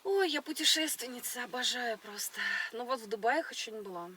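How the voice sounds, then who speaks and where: A woman's voice: on the high side, lively intonation, a little fast, pushed and bright, far from the mic, slight background noise. A woman chatting casually and flirtatiously, with an insistent, coquettish manner. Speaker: date of the prankster. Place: inside a car.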